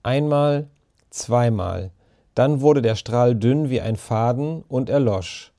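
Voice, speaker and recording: Brief: male audiobook narrator, mellow tone, measured storytelling. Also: mid-range voice.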